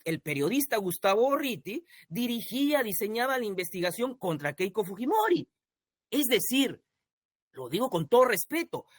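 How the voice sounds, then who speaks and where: A man's voice: high voice, fairly bright tone, no echo, clean studio sound. A man with a Peruvian accent arguing his own petition at a court hearing, formal and insistent, repeatedly deferring to the judge. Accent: Peruvian Spanish. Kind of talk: formal legal argument in a hearing.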